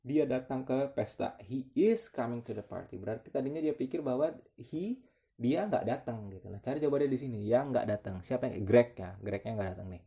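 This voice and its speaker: A man teaching a TOEFL listening lesson in a relaxed, slangy way, with fillers and quick self-corrections. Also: medium pitch. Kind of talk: casual explanatory lesson.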